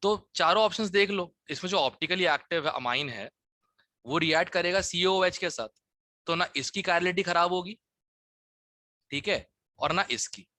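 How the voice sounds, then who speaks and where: Chem sir going through test qs, keeps checking if u got it, bright voice, dry sound. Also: male voice, high voice, moderate pace, long pauses, dry recording. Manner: Hinglish teaching, frequent "ठीक है?" checks. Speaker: chemistry teacher. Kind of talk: online class explaining test questions.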